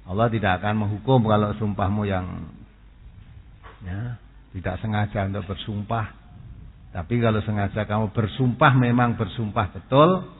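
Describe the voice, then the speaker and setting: A male preacher explains his points patiently, now and then dropping into asides. His voice is husky and sits at a middling pitch. The sound is thin and phone-like, with a long hall echo behind it. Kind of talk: Islamic sermon.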